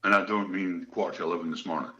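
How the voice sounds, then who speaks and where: Here the Scottish musician races along in a low, bright, forceful voice with fairly even intonation. Middle-aged and chatty, he jokes through stories as a guest in a casual interview, recorded in an echoey room with muffled lo-fi sound.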